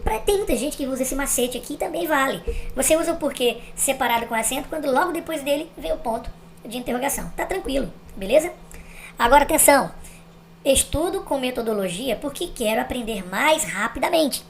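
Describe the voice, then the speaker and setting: A woman's voice: high-pitched, lively intonation, fast talker, a little hiss or hum. A woman explaining grammar step by step on video, checking that the viewer follows. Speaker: teacher.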